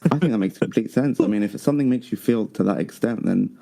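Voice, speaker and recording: A man's voice: lowish voice, fast, gravelly. A man co-hosting a casual music podcast, talking loosely with lots of "like" fillers. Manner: loose, relaxed talk full of "like" fillers. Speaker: podcast co-host.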